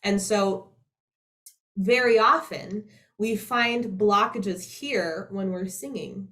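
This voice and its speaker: A woman with a nasal voice, explaining things as a voice teacher in a conversational, halting way and checking in as she goes. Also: medium pitch, fairly bright tone. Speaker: voice teacher, co-presenter.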